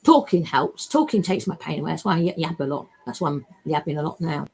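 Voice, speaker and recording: A woman's voice: low voice, expressive, fast, vocal fry, darkish tone. A woman in a rambling, emotional personal monologue, swearing freely as she talks.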